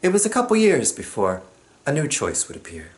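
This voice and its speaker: A man from Jamaica telling a personal story on stage, expressive and acting out what other people say. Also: mid-range voice, fairly quick.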